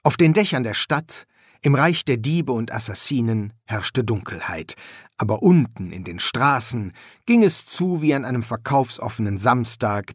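A man narrating an audiobook in an expressive storytelling manner. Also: mid-range voice, husky, no room sound, studio quality. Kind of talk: scripted narration.

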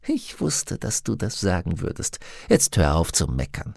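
A man's voice: low-pitched, huge pitch swings, a little slow, creaky, darkish tone, no room sound, clean studio sound, exaggerated voice. A man voicing a stubborn, curious young girl who talks in a defiant, eager way.

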